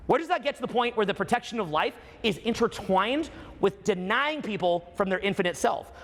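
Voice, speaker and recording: A man's voice: high-pitched, fairly bright tone. A man giving a spiritual motivational talk, dramatic and emphatic, piling up rhetorical questions. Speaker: motivational speaker. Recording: echoing hall with long reverb.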